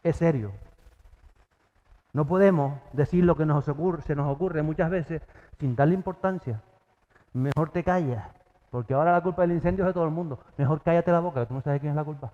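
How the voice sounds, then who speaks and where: A man preaching a sermon as pastor, acting out biblical dialogue with sudden jumps in pitch. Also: brisk. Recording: dull sound, long church reverb.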